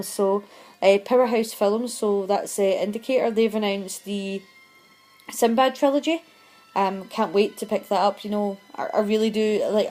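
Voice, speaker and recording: A young woman who is losing her voice chats casually as a vlogger showing off films she bought, rambling in a chatty, self-deprecating way. Her voice is medium in pitch and a little mellow.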